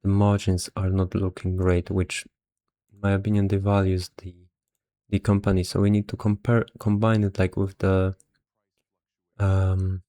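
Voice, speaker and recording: Low and warm, his monotone voice moves unhurriedly with no echo. An investor explaining stock valuation, he seems mildly tired, musing casually and hesitantly while half muttering to himself.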